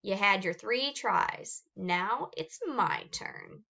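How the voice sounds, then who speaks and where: A woman voicing a bossy, hulking male monster in a storybook, with gruff grunts and growls. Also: mid-range voice, expressive, slow, sharp tone, lo-fi sound, exaggerated voice. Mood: gruff, firm.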